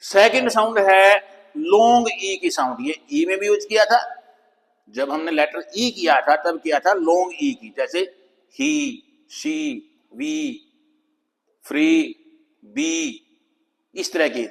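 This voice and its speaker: Patient teacher, man, reverberant room. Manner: patient, repeats example words slowly, drops pitch on model words. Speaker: English pronunciation teacher. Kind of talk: explanatory lesson.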